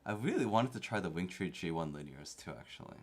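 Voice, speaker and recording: His voice is low and expressive, and he speaks fast. The young man, a Canadian who grew up with Korean spoken at home, casually chats with viewers on his stream, reading comments aloud and pushing back in a playful way.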